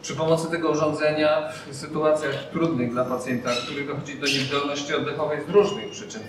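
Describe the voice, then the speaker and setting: A middle-aged man talks through a surgical mask, pausing often with filler sounds as he addresses a press gathering. He sounds far from the microphone in a very echoey room. Steady background noise sits under his voice. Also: fairly high pitch. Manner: hesitant, many filler sounds. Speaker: hospital representative. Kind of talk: speech at a press event.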